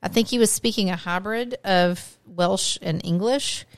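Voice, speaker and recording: A middle-aged woman with a Southern US accent, co-hosting a podcast in casual chat, chatty and quick to chime in. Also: mid-range voice, smooth, no room sound, studio quality. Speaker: podcast co-host.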